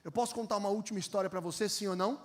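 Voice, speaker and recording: A Brazilian man preaches with a high, ringing voice. He tells his stories in an animated way, doing the voices of their characters. He keeps calling on the congregation to repeat his words. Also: rapid-fire. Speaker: pastor. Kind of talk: energetic sermon with storytelling.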